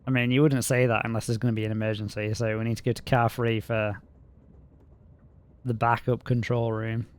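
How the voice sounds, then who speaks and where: A man's voice: mid-range voice, level tone, brisk, smooth. A man streaming a video game, making dry, wry casual commentary.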